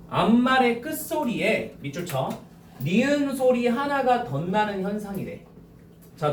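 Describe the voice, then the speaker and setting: A male high school teacher lecturing to a class, slowly dictating key points and often checking whether students follow. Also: roomy sound, recorded from a distance, a little hiss or hum.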